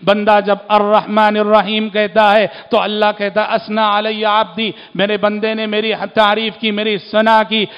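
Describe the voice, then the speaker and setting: A man's voice: high-pitched, monotone, hardly any pauses, smooth, muffled recording. A man preaching a sermon in oratorical style, repeating his phrases for emphasis. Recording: long hall reverb.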